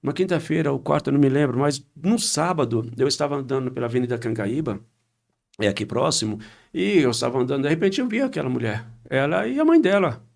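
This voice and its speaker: A man, a pastor recounting a healing testimony on a podcast, acting out dialogue and rising in pitch as he gets excited. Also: fast, vocal fry. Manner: animated retelling with quoted dialogue, rising pitch when excited.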